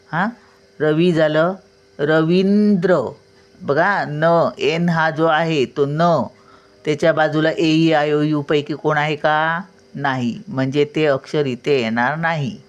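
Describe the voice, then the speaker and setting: Slow, patient older woman teacher. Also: low voice. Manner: patient, spells out letters and sounds words slowly; checks in with the learner often. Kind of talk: home writing lesson.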